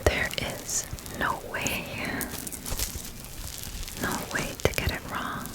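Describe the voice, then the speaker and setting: A woman playing a gentle, nurturing garden fairy in a soothing, affirming ASMR whispered role-play. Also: natural voice. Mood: soothing, tender. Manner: soothing, affirming, slow and deliberate. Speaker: ASMR performer.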